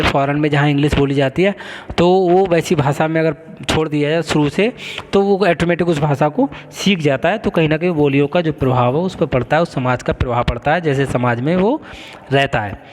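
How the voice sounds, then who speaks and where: A man teaching a college class, explaining step by step and often pausing to check the class is following. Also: fairly high pitch. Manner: explains with frequent checks of "ठीक है". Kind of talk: classroom lecture. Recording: long hall reverb.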